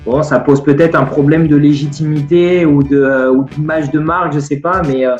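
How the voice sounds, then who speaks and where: A man chats easily on a video call, with a slightly high voice. His words carry a roomy echo, and he pauses often to find the next phrase. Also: steady tone, darkish tone, highs cut off, faint music behind. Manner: easygoing, hesitant with fillers. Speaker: show regular. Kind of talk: casual chat over video call.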